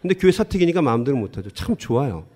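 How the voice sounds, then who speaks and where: A middle-aged man delivers a sermon full of homely anecdotes, his pitch swinging up and down in a lively, animated way. He laughs often as he tells his stories to the congregation. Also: racing. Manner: lively storytelling, acts out dialogue, laughs often. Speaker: pastor.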